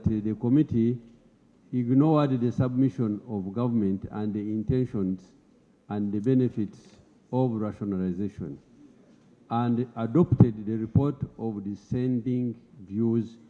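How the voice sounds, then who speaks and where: A man speaking formally as a government minister in a parliamentary debate, often repeating words as he presses his point. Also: on the low side. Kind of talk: parliamentary address. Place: parliament chamber. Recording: lo-fi broadcast audio in a reverberant chamber.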